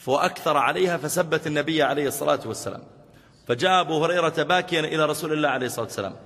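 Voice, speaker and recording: A man's voice: a little high, rapid-fire. A man preaching a sermon, telling stories with rising emphasis and closing with supplications. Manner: animated storyteller, voice rising for emphasis and falling for prayer. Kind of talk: sermon with storytelling and closing prayers. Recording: hall reverb.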